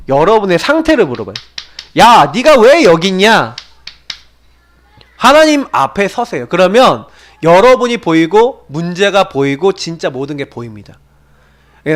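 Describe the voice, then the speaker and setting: A male pastor preaching in a high voice that leaps up and down with feeling. He tells the story with animated emphasis and keeps firing rhetorical questions at the congregation. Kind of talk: sermon.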